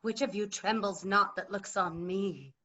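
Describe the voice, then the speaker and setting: A woman's voice: mid-range voice, steady tone, a bit bright. A woman playing a bitter, deposed old queen in classical verse, declaiming with scorn over a video call. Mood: scornful fury. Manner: declamatory, scornful, slow and deliberate. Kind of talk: classical verse stage acting. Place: remote video-call staged reading. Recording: dull video-call audio.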